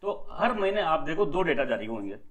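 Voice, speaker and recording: A man's voice: fairly high pitch, very animated, fairly quick, a bit bright, low-quality recording. A young man hosting a daily economics news lesson, addressing viewers as friends and repeating key points with rhetorical questions. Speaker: economics teacher and channel host.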